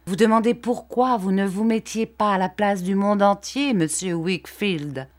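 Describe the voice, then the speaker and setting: A woman's voice: medium pitch, measured pace, natural voice. A woman voicing a sly, falsely humble male clerk who fawns and threatens by turns in a storybook reading. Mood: wheedling.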